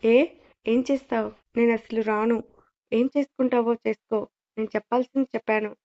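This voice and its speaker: A woman's voice: on the high side, steady tone, normal speed, close to an everyday voice. A woman voicing a young woman employee, shy but stubborn, pleading and defiant in turn. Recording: dull lo-fi audio.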